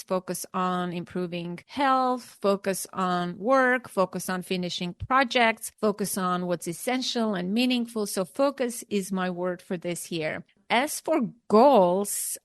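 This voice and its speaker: A woman's voice: medium pitch, no room sound. Woman podcast host, close dry sound. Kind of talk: conversational podcast talk.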